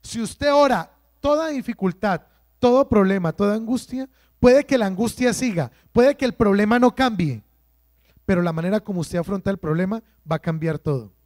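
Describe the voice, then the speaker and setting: Priest, high voice, dry recording, emphatic sermon full of questions to the flock. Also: male voice, a little mellow, dry recording. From Colombia. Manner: emphatic preaching with rhetorical questions and slow drawn-out stresses. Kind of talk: sermon at a prayer workshop.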